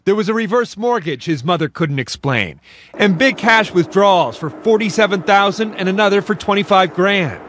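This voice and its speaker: A man narrating a scripted TV news package in a steady, factual way. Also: high-pitched, moderate pace, a little hiss or hum. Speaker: news reporter.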